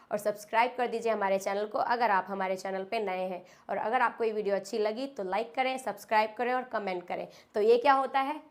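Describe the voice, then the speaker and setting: Young Indian woman, pronunciation teacher; slow, repeated drilling with frequent checks for understanding. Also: a little high. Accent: Indian English. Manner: repeats each word slowly, asks "clear हो गया?" after every word. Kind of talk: online English lesson.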